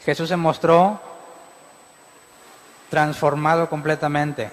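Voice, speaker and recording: A man's voice: a little high, flat delivery, slow. A man preaching a sermon as pastor, firing rhetorical questions at the congregation. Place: church hall. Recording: long hall reverb.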